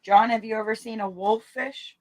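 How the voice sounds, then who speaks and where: A woman's voice: fairly high pitch, steady tone, normal speed. A woman talking casually in a live group chat, looking things up as she goes.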